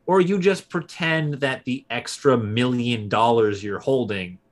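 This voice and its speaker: A man co-hosting a history podcast in a relaxed, casual way, with frequent filler pauses. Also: mid-range voice. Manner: relaxed, many filler uhs. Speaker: podcast co-host.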